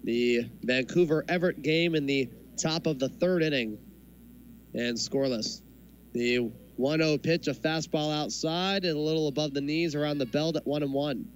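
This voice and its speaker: A man doing live baseball commentary in measured, short phrases with pauses, as the play-by-play announcer. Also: a little high, rough recording. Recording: clear background noise from a ballpark. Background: ballpark ambience.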